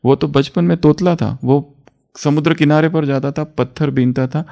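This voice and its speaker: A man giving a spiritual class in an unhurried teaching manner. He keeps putting questions to his listeners and then answering them himself, with frequent small chuckles between points. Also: on the high side, steady tone, vocal fry, dark tone. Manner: chuckles often while explaining.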